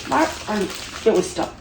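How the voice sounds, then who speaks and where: A middle-aged woman chatting casually in a playful, giggly way with frequent exclamations. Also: medium pitch. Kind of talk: casual chat while unboxing Halloween items. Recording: roomy echo with clear background noise.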